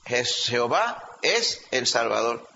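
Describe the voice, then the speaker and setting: This pastor's mid-range voice is gravelly, pushed and bright, with a slow, sing-song delivery. He preaches emphatically as a teacher would, often turning to the congregation, in a recording that echoes around a hall and sounds slightly dull over a faint hum.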